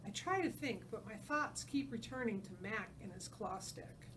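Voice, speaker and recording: A teacher reads a story aloud to her students, narrating and asking them questions. Her mid-range voice is animated and a bit bright, her pace moderate. The mic is distant, picking up faint background noise.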